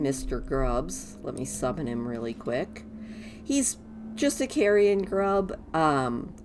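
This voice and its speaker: Female gaming guide, fairly low voice, informal and anecdotal commentary, light noise behind. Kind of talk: casual gameplay commentary.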